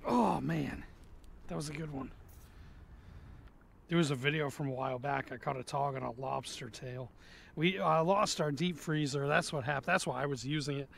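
On a pier over an inlet outdoors, a man vlogs while fishing, chatting casually and muttering to himself, captured on a head-mounted action camera. His voice is fairly high and fairly bright, with vocal fry and a moderate pace. A little hiss or hum sits in the recording.

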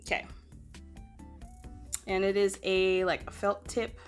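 A woman's voice: medium pitch, completely flat delivery, takes it slowly, soft background music. A young woman chatting casually at home as she reviews and tries a beauty product, with self-deprecating fillers. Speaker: beauty vlogger.

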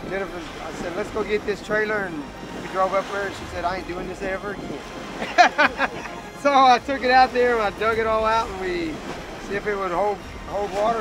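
A man with a rather high voice tells a folksy, chuckling story about his boat to friends on the beach. Loud music plays all over the recording. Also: rough recording. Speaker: boat owner. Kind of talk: casual storytelling to a crowd. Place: outdoors on a beach.

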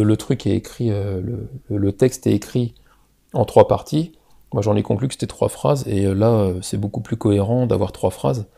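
Man, low gravelly dark voice, rambling casual explainer, lots of fillers. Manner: hesitant, many fillers, asks "d'accord?" often. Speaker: video creator.

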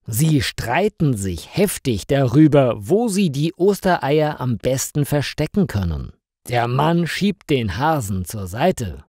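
A man reading a story aloud slowly and clearly for language learners, in a scripted narration style. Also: medium pitch, a little mellow, no echo, studio quality. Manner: slow, clearly articulated reading.

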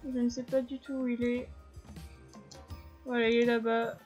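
Female gaming host, a touch high-pitched, casual and chatty commentary over quiet game music. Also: little pitch movement, moderate pace, muffled recording. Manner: chatty, explains controls to viewers, frequent fillers. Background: faint game music.

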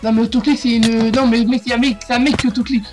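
A man's voice: very high voice, little pitch movement, fast, over music. A young man hosting a gaming video, chatting loosely and trash-talking his friend while he plays. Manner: rowdy trash-talking, swearing, laughing. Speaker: gaming channel host. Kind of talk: casual gaming chat.

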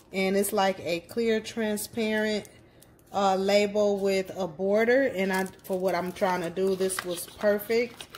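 A woman's voice: mid-range voice, slight background noise. A woman hosting her own crafting channel, chatting casually and upbeat through an unboxing.

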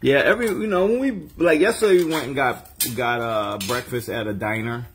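A man with a medium-pitched voice talks a little fast while hosting a family cooking livestream, a casual kitchen vlog where he teases and banters playfully. He films indoors in a home kitchen on a handheld phone camera, so the recording is noisy.

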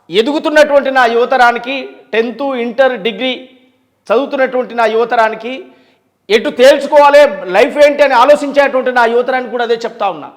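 A man with a Telangana accent speaking as an interview guest, emphatic and full of rhetorical questions and long lists. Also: extremely high pitch. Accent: Telangana Telugu. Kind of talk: impassioned interview talk.

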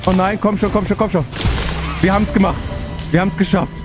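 A man's voice: high-pitched, steady tone, a little fast. A man doing let's play commentary, chatting himself through puzzles and easily spooked. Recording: voice over game music.

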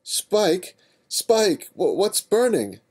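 A man voicing an anxious, bookish young female unicorn with a high, fretful voice. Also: very animated, darkish tone. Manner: fretful, rapid, raised.

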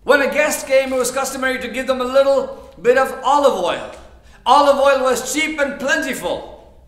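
A man preaching a sermon as pastor, talking straight to his listeners and swinging from hushed, quiet passages to loud, emphatic ones. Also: very high voice, moderate pace. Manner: conversational, asks the audience directly. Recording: echoey church room.

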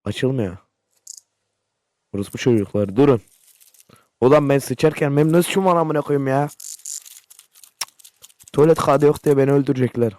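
A young man from Turkey, a gaming YouTuber, curses and jumps loudly while playing a horror game, the game's generator humming behind him. His medium-pitched voice runs at normal speed with frequent pauses, and there's no echo.

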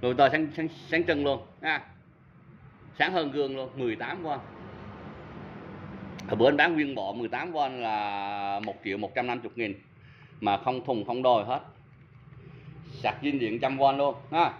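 A chatty man with a southern Vietnamese accent shows off used power tools and laughs at his own slip-ups. His voice sits at an ordinary middle pitch. The audio is a little muffled, with faint ambience behind him. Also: normal speed, long pauses, a little hiss or hum. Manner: chatty, self-mocking, talks straight to viewers. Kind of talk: casual product demo.

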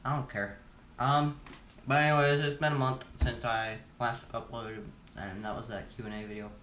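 A man's voice: medium pitch, level tone, normal speed, fairly bright tone, a little hiss or hum. Teen male YouTuber host, laid-back rambler chewing gum, roomy echo, mic some distance off. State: chewing gum while talking. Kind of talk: casual Q&A vlog.

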